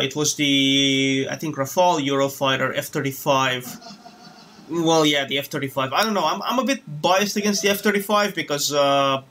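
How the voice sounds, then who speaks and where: A Romanian man streams himself flying a simulator and chats casually, rambling, hesitating, and restarting his sentences again and again. His voice is a little high with a sharp tone.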